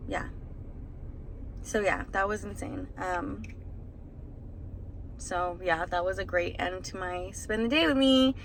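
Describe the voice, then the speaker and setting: A woman's voice: mid-range voice, slow, creaky, pauses often, a little hiss or hum, rough recording. A young woman, a new mother, casually telling a vlog story in a rambling, emotional way, still stressed and shaken. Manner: rambling, emotional retelling with many fillers.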